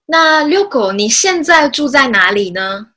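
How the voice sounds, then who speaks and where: A woman with a Taiwanese Mandarin accent hosts a casual podcast interview. Her voice is bright and a little high, and she asks and comments as a language teacher would. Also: animated, takes it slowly.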